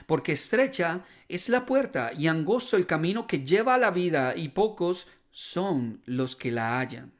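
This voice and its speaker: A man hosting a podcast who preaches a sermon as an earnest story and lifts his voice to stress key points. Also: high voice.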